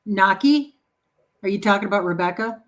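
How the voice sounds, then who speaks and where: A woman's voice: medium pitch, measured pace. Chatty woman hosting a baking livestream. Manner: chatty, reads and answers viewer comments; playful and encouraging. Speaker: baking channel host. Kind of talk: casual livestream chat.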